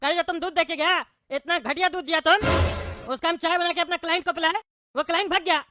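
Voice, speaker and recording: Shrill fast-talking woman scolding, music behind. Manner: loud scolding and shouting. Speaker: comedy sketch actor. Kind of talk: comic sketch acting.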